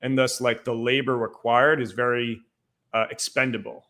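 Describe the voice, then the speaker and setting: An Irishman with a mid-range, sharp-toned voice talks history as a guest historian on a casual podcast. His pitch barely moves and his pace is moderate. He rambles, leaning heavily on fillers like "like" and "um."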